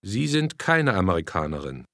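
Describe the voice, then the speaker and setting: A man modeling phrases for a language course with slow, careful enunciation. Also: sits low, big pitch swings, fairly bright tone, dry recording, clean studio sound. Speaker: native-speaker model voice. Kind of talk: slow demonstration speech.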